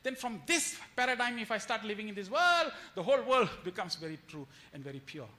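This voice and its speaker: A man with a notably high, bright, forceful voice gives a devotional lecture to an audience, telling it like a storyteller. He slips into quoted lines and rhetorical questions and brings key phrases back for emphasis. His pitch swings widely and his pace is brisk.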